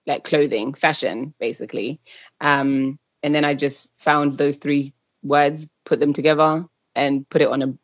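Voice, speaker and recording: Her voice sits low, with no echo on the recording. Originally from Zimbabwe, she moved to Britain around age ten, and now she's interviewed on a podcast about founding a travel brand, chatting easily and reshaping sentences as ideas come to her.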